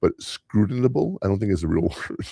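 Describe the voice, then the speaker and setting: Very animated and brisk yet mellow, this deep, gravelly-voiced podcast host spins meandering stories about his work as a teacher, often chuckling. He's a native Spanish speaker. The recording is dry and close, with no echo from the room.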